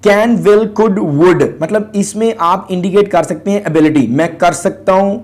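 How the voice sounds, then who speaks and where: Slow, spelling-out Pakistani male teacher. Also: high-pitched, darkish tone. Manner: spells words out letter by letter, mixing English into Urdu. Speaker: English teacher. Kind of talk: classroom lesson explaining pronunciation and grammar.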